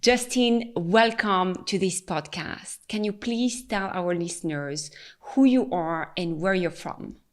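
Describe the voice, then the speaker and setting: A woman's voice: lowish voice, slow, few pauses. A woman hosting a podcast, asking curious questions and laughing along with her guest. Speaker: podcast host. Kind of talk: podcast interview.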